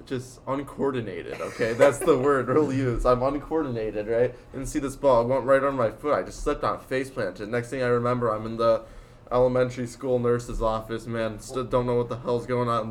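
A man's voice: mid-range voice, fairly even intonation, fairly quick. Rambling teenage guy telling stories. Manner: rambling, laughing, lots of likes. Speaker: student storyteller. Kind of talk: casual chat.

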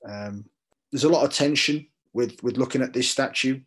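This British-accented poet from London has a husky, medium-pitched voice and a moderate pace. Reflecting in an interview, he comes across as thoughtful and hesitant, frequently repeating words as he feels for the right one.

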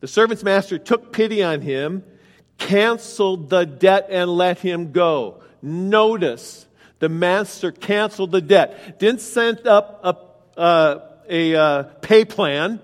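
A man's voice: high-pitched, lively intonation, takes it slowly. A man preaching a sermon, explaining scripture verse by verse and asking his congregation direct questions. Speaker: pastor. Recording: long hall reverb.

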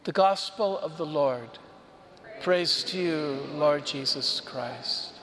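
A high-voiced man, a priest, reads the gospel aloud in an unhurried, solemn cadence. His words ring out with a long cathedral echo, as if he stands at the front of a large church. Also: fairly bright tone, a little hiss or hum. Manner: slow, measured proclamation. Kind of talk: solemn liturgical gospel reading. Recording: long church hall reverb.

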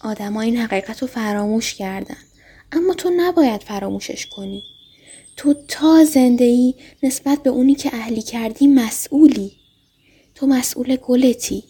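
A woman voicing a wistful, gentle fox who longs for friendship, in a storybook reading. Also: a little high, slightly rough. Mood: earnest. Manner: gentle, heartfelt, pleading.

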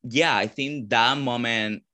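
A man from Venezuela with a Venezuelan Spanish accent, a drag performer answering interview questions casually, often pausing to search for words. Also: medium pitch, bright, forceful tone. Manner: searching for words, frequent "like" fillers.

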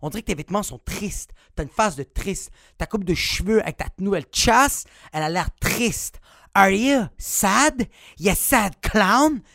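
Brief: male podcast host with a Quebec French accent, swears a lot, animated, dry close sound. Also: sits high, moderate pace, few pauses, no echo. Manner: profane, animated, bursts into shouting. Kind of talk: comic storytelling monologue.

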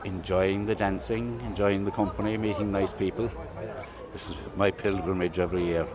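Man, Kerry accent, lowish pitch, casual chat, crowd in background. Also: steady tone, moderate pace. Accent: Kerry Irish. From County Kerry, Ireland. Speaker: festival-goer being interviewed. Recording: crowd behind, outdoor location.

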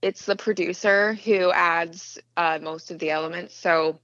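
A woman heard over a dull, lo-fi phone line, her low voice carrying a gravelly fry. She talks very slowly and hesitantly, thinking aloud as she answers. The sound is close and dry, with no room around it. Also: fairly even intonation, a bit bright, no room sound. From Western Maryland, USA. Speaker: singer-songwriter guest. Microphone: telephone.

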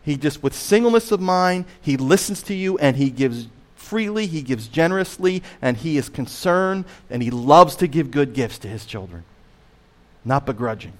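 A man preaching a sermon as pastor, emphatic, slowing on key phrases, swinging between loud and hushed, and asking the listeners direct questions. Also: a little high, expressive. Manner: emphatic preaching with wide swings in loudness and slowed stressed phrases; asks the congregation direct questions.

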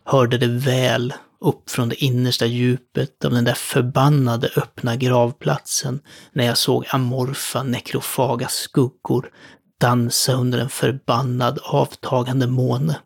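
A man solemnly narrating a horror story in the first person, with a measured delivery. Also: medium pitch, little pitch movement, vocal fry.

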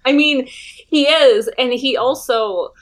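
A woman hosting a podcast in casual, chatty, animated conversation, her speech slightly slurred from a sore tongue. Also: high-pitched, takes it slowly. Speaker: podcast host. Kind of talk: casual podcast chat about a TV series.

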